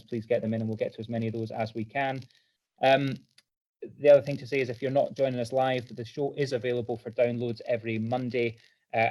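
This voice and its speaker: Man, podcast host, flat delivery, chatty. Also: mid-range voice, rough recording. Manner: self-deprecating, chatty. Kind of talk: live podcast chat.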